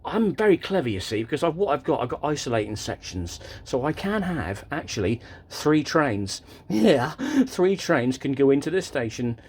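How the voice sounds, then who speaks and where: A man's voice: medium pitch, darkish tone, husky. Chatty man rambling on camera. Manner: rambling, chatty, self-interrupting. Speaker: model railway vlogger. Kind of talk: casual show-and-tell vlog. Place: indoor room with a model railway layout. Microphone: camera on a tripod.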